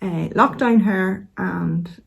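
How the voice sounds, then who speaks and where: A middle-aged woman with a Northern Irish accent chats casually as a vlog host, gently and unhurriedly, with hesitant pauses. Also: medium pitch, creaky, husky, lo-fi sound. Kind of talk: casual chat to camera.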